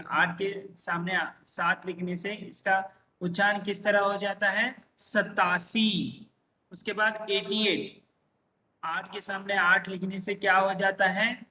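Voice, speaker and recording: A man's voice: high-pitched, pushed and bright, distant mic. A man teaching a number lesson, drawing out each word and answering his own questions. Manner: drawn-out repeated pronunciations, asks and answers himself. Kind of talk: slow classroom-style number lesson. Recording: echoey room, voice a bit off-mic.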